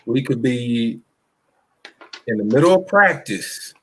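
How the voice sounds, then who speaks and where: A man with an East Texas country twang talks loud and lively in a casual live interview. He is a basketball coach who tells his stories with plenty of energy. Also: medium pitch, takes it slowly, husky.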